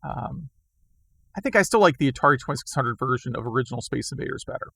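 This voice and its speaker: A man co-hosting a casual retro gaming podcast chat, rambling and self-deprecating, his voice going hoarse. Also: mid-range voice, animated, fast, a bit bright. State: losing his voice. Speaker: podcast co-host.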